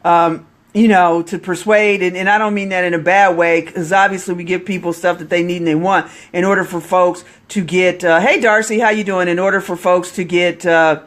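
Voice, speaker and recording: Casting: a high-voiced man, a motivational marketing coach on a live stream, fervent and preachy. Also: normal speed. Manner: excitable, preachy, greets viewers mid-talk.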